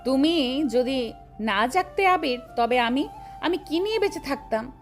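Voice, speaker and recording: A tearful, strong-willed young woman from an audio romance story, as a woman narrator puts her on. She speaks softly in a high voice, slower than the narration, with firm emphasis. Faint music plays behind her. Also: animated. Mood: tearful, resolute.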